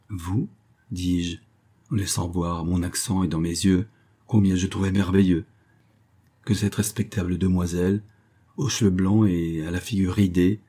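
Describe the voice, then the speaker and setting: A man reading a classic short story aloud in measured, unhurried storytelling. His voice is low and husky, with a dark, mellow color. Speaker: audiobook narrator. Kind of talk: literary audiobook narration.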